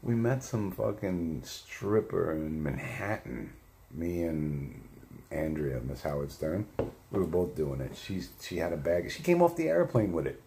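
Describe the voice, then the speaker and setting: Speaking from his home livestream setup, a man with an extremely low, mellow voice and some vocal fry tells crude, profane, rambling stories. He's animated but measured, and keeps second-guessing and correcting his own details in this casual monologue.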